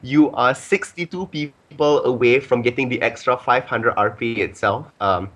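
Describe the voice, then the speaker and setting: A man's voice: medium pitch, normal speed, fairly bright tone. A man hosting a casual podcast, rambling with many ums and filler phrases. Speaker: podcast host.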